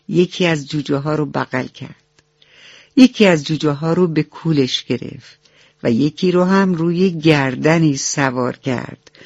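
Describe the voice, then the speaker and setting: A woman's voice: low voice, no echo. A woman reading a children's bedtime story aloud in an affectionate, storytelling manner. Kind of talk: scripted children's narration. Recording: dull lo-fi radio recording with soft music.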